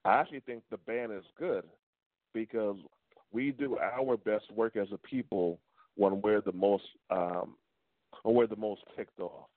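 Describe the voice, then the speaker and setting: A deep-voiced man heard over the phone, his voice thin, tinny and dry. He speaks as a caller on a talk show, laying out his view deliberately and repeating key points to drive them home. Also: no room sound. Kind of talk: call-in opinion on a talk show.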